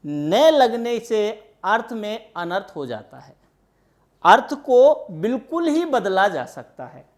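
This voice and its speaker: Woman teacher, measured grammar lesson, slow-paced, rhetorical questions to the class. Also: medium pitch.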